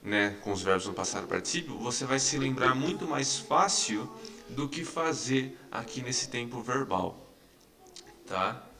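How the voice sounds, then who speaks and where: A man's voice: mid-range voice, animated, unhurried, vocal fry, music in the background. A man teaching English grammar in an online lesson. He explains patiently and repeats each example, checking in with his students again and again.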